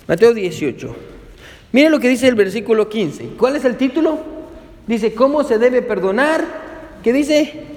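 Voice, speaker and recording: A man's voice: extremely high pitch, animated, a little slow, a little mellow, in a large hall. A man preaching a sermon as pastor, asking his listeners questions and calling them to turn with him to the verses. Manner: asks the congregation rhetorical questions.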